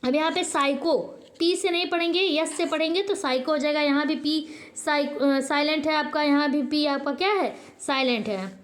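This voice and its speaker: A woman's voice: high voice, steady tone, moderate pace. A woman teacher giving an online lesson, repeatedly asking a question and then answering it herself, with frequent hesitations and self-corrections. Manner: drills by asking and answering her own questions. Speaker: channel host.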